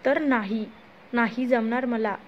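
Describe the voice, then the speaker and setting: A woman's voice: on the high side, slow pace. A woman voicing a hurt, tearful young wife who pleads emotionally, on a muffled lo-fi recording. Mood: hurt, bitter. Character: hurt young wife confronting her husband, then a terrified captive.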